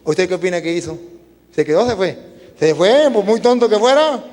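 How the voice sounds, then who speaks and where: Priest preaching in a reverberant hall. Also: male voice, sits high, a little fast. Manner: animated storytelling, addressing the audience with questions. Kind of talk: sermon at a retreat.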